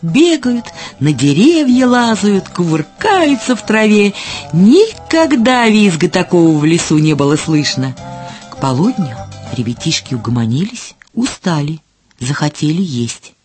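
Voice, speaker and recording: A woman reading a children's fairy tale in a slow, expressive storytelling manner. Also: fairly low pitch, faint music behind.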